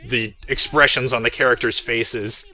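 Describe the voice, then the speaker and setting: Over background music, a man talks through his own episode in a relaxed, chatty way, now and then wandering off into self-amused tangents. He speaks at a normal speed in a mid-range, pushed, bright voice with fairly even intonation.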